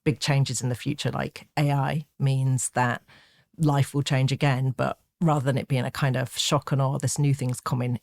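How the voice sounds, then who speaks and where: A woman's voice: extremely low pitch, no room sound. A woman, a guest on a podcast, talking in a chatty, upbeat way with plenty of fillers and asides. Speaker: guest, advertising executive. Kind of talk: casual podcast interview.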